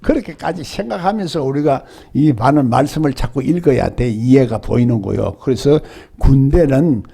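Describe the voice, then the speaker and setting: A man's voice: mid-range voice, expressive, moderate pace, vocal fry, mellow, slightly rough. An older male pastor with a Gyeongsang Korean accent, preaching a sermon and often asking the congregation rhetorical questions.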